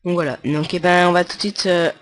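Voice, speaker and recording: A man's voice: sits high, little pitch movement, a little fast, a bit bright, slight background noise. A man talking through a casual screen-recorded game tutorial, rambling and stumbling over his words with many fillers, and joking with his viewers. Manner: chatty and jokey with viewers. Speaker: tutorial maker.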